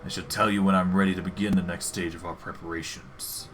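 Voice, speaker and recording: A man voicing an imperious, irritable undead lich mentor from a fantasy game, speaking in a formal, measured, pompous way. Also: low voice, fairly even intonation, fairly bright tone, voice pushed down. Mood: grave, scholarly. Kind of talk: game dialogue read aloud in character.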